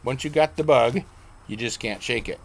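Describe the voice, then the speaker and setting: A man's voice: medium pitch, normal speed, creaky. A man voicing a jovial, folksy older grandmother on a farm, who talks in a teasing, matter-of-fact country way.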